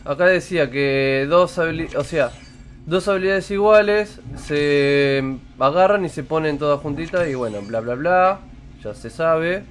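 A man's voice: fairly high pitch, a little slow. A man in his thirties with an Argentine accent, chatting casually on a live game stream and greeting viewers. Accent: Argentine Spanish. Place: indoor room with purple lighting.

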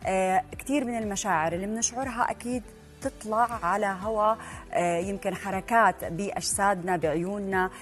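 A woman's voice: mid-range voice, a little fast, soft background music. A woman, presenting a television talk show segment in a friendly, conversational way. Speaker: TV show host.

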